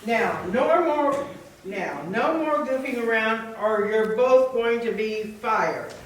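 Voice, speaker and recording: A woman's voice: fairly high pitch, lively intonation, slow. A woman acting a grumpy, bossy short-order cook, exasperated and stumbling over words in an amateur stage comedy. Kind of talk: amateur comic stage play. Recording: distant echoey hall, faint noise.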